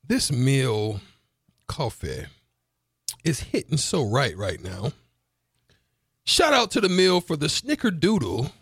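Husky, excitable male co-host. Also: medium pitch, slow pace, long pauses, dry recording, studio quality. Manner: excitable, joking, shouts out and laughs. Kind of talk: casual radio banter.

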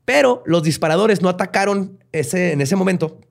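A Mexican-accented man narrates a history tale in a loose, casual podcast style. His voice sits a touch higher than most men's, and he peppers the story with slang, curses and quick jokes. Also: animated, gravelly. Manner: slangy, swears freely, jokey asides.

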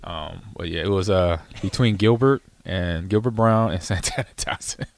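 A man's voice: low voice, moderate pace, slight background noise. A man hosting his own show, chatting casually and telling a rambling story full of fillers and laughs. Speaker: show host, former football player. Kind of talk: casual chat.

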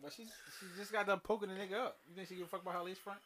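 A man in casual group banter, ribbing the others with loud opinions and profane slang, repeating his point for emphasis. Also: high-pitched, flat delivery, rapid-fire, a little hiss or hum.

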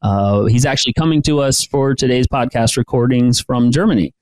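A man's voice: medium pitch, brisk, a little mellow, no room sound, low-quality recording. A man hosting an interview podcast, rambling and friendly as he thinks aloud. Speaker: podcast host.

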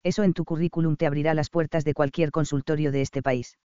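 Man playing a brash, slangy young woman, clear, fairly high. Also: fairly even intonation, fast talker, dark tone, no room sound, highs cut off, lightly acted.

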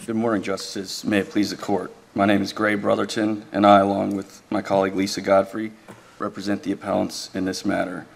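A man speaking as an attorney, giving a measured, deferential, formal oral argument in a courtroom. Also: on the low side, monotone, gravelly, slight background noise. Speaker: attorney arguing an appeal.

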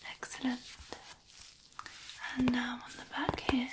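A woman performing a whispered role-play as an attentive, reassuring examiner, speaking gently and moving from one ear to the other. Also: fairly high pitch, completely flat delivery, unhurried, very noisy. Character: attentive, reassuring female examiner running sight and hearing tests. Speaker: ASMR performer playing an examiner.

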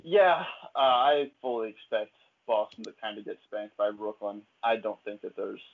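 Heard over a tinny, phone-like line, a podcast co-host with a fairly low voice and fairly even intonation talks at a moderate pace. The show is a casual sports podcast, and he's laid-back, peppering his speech with uh's.

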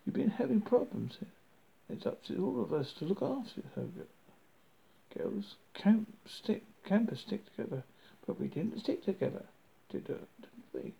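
In a husky, creaky voice pitched a little high, a man plays a horror host reading a first-person story with drama, halting and tripping over his words. His tone is warm, though the recording is rough.

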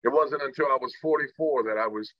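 A man's voice: mid-range voice, a little fast, dry recording, dull audio. A middle-aged man from Indiana, a guest telling his life story earnestly and acting out the people in it. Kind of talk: personal storytelling in an interview.

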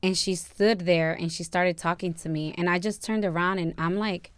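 A woman's voice: on the low side, fairly even intonation, moderate pace, clean tone, dry recording, clean studio sound. A young woman co-hosting a podcast, talking candidly and bluntly in casual chat, often laughing. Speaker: podcast co-host.

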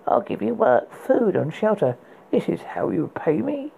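A man voicing a cold, threatening enchantress who speaks slowly and coolly, higher than his own voice. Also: sing-song, gravelly, dark tone, slight background noise, exaggerated voice, rough recording. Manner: cool, slow, threatening. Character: cold menacing enchantress, ageless woman.

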